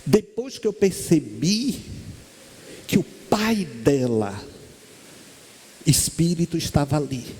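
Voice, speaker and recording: A Brazilian man with a high voice gives a spiritist talk from a stage. He tells stories in a lively way and acts out the voices of the people in them. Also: slow, long pauses, slightly rough. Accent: Brazilian Portuguese. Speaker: spiritist lecturer. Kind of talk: storytelling lecture. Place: lecture hall stage.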